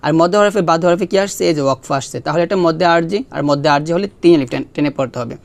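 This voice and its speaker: A man teaching Quran recitation step by step, spelling out letters and vowel marks, then chanting each verse slowly for students to repeat. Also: a little high, gravelly. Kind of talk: slow step-by-step recitation lesson.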